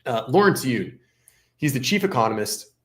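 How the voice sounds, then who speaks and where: A man's voice: mid-range voice, very animated, normal speed, fairly bright tone. Chatty, sarcastic male livestream host. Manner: chatty, sarcastic asides, frequent restarts. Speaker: realtor hosting a live stream. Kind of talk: casual live-stream commentary.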